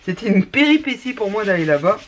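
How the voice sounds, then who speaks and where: A woman's voice: medium pitch, very animated, quick pace, slight background noise. A woman with a northern French ch'ti accent chatting through a craft tutorial, rambling with many restarts. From northern France. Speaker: scrapbooking YouTuber. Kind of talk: casual craft tutorial chat.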